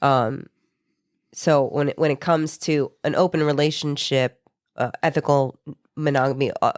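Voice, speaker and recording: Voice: medium pitch, fairly even intonation, moderate pace, no echo, clean studio sound. A podcast co-host with a stuffy nose, explaining terms hesitantly in casual discussion. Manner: explanatory, hesitant, many fillers.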